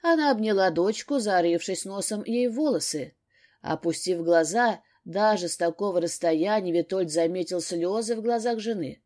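A woman narrating a novel in a steady storytelling manner. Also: medium pitch. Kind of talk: audiobook narration.

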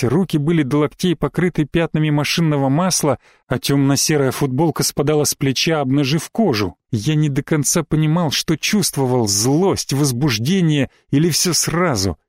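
A man's voice: on the high side, moderate pace, hardly any pauses, a little mellow, no echo, clean studio sound. A man narrating a first-person romance audiobook in a terse, brash voice.

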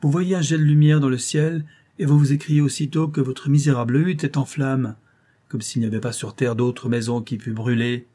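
A man's voice: medium pitch, monotone, normal speed, hardly any pauses, darkish tone, slightly rough, lightly acted. A man voicing a proud, cold noblewoman who speaks in dry, hard, contemptuous commands, reading a classic novel aloud. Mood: scornful.

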